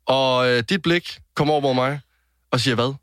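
Man co-host, mid-pitched, measured dry humor, dead dry studio sound. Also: fairly bright tone, clear, resonant tone, no echo. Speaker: podcast co-host. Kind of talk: casual chat.

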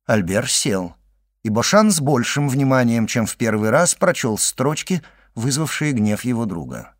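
A man narrating a classic novel as an audiobook, measured and expressive. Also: medium pitch, no echo, clean studio sound.

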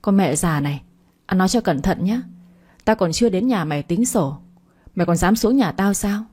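A woman voicing an enraged older village father who shouts curses and insults, in storytelling narration. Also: mid-range voice, animated, moderate pace, husky. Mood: threatening. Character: furious old village father, brawling.

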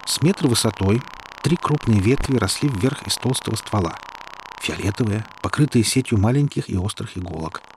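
A man narrating an audiobook in an even, measured storytelling manner, over a steady background hiss. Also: fairly low pitch.

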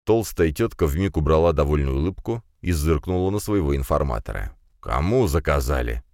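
A man reading an audiobook as narrator in an expressive storytelling manner. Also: a bass voice, a little fast, no echo, clean studio sound.

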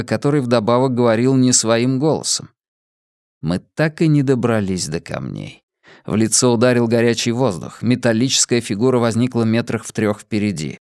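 A man narrates an audiobook in a steady, measured reading voice. His pitch sits in the middle range. The recording is dry and close, with no room echo. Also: clear, resonant tone.

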